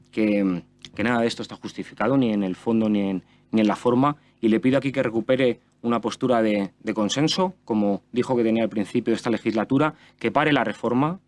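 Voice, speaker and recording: Spanish guy talking fast in parliament, pushy and critical, mid-pitched voice, dry close mic. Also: a little mellow, dry recording. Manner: critical, insistent, with small restarts. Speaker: regional parliament member. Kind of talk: parliamentary speech. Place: parliamentary chamber.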